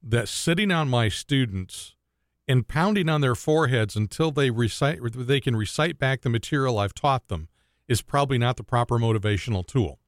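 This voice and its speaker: A man's voice: mid-range voice, lively intonation, normal speed, dry recording. Joking male radio host, dry studio sound. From Kentucky. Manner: joking, teasing. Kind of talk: casual radio chat.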